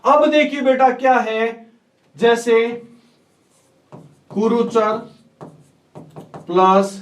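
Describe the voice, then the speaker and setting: A man's voice: very high voice, drawn-out words, reverberant, far from the mic. A man teaching an online grammar lesson. He asks his students questions and answers them himself, repeating each answer. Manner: repeats key answers, quizzes students as "बेटा".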